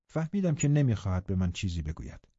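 A man narrating an audiobook in a steady storytelling manner. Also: low-pitched, husky, no echo. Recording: dull, dry studio recording.

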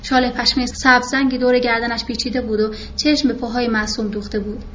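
A woman's voice: a little high, flat delivery. Woman reading a story, muffled recording. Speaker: narrator. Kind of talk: reading a novel aloud. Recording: muffled with faint hiss.

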